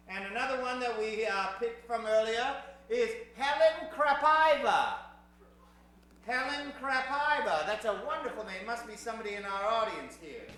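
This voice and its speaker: Very high-pitched and sharp, this man hosts a live improvised radio show on a theater stage. He's theatrical and mock-formal in the style of vintage radio, bantering with the audience, and the stage recording has a noticeable echo.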